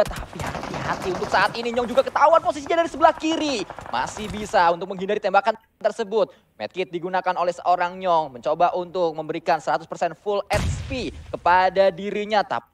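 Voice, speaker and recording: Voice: medium pitch, fast talker, a little hiss or hum. An esports caster with an Indonesian accent giving live, detailed, urgent play-by-play of a game match.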